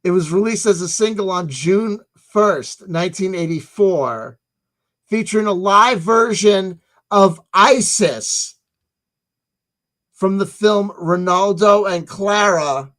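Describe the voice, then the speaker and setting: A man's voice: high-pitched, animated, slow pace, fairly bright tone. A man around middle age hosting a rambling livestream monologue, talking in an emphatic, insistent way and repeating himself. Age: 30s to 40s. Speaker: livestream host.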